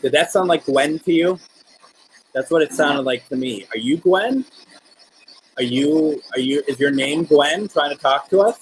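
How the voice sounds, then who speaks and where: A man hosting a live spirit-communication session, speaking in gentle, coaxing questions with pauses between them. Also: a little high, a little hiss or hum, low-quality recording. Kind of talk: live-streamed seance, addressing spirits and viewers.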